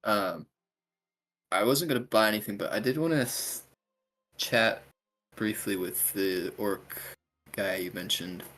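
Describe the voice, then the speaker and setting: A man's voice: on the low side, a little slow, long pauses, fairly bright tone, rough recording. A man playing a tabletop game, speaking in a hesitant way with ums. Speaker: player. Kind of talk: casual tabletop chat.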